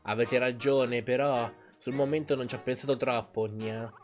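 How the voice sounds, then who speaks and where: A man's voice: mid-range voice, fairly even intonation, moderate pace, faint music behind, voice pushed down, close to an everyday voice. A man voicing a teasing little male cat spirit from a video game, who tacks a cat-like sound onto his lines. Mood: explaining. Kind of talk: reading game dialogue aloud.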